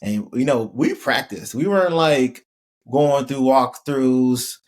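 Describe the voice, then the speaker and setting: A man's voice: medium pitch, slow. Laid-back man telling a story. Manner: relaxed, laughing, lots of "like" fillers. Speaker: podcast guest, former college football player. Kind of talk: casual storytelling interview.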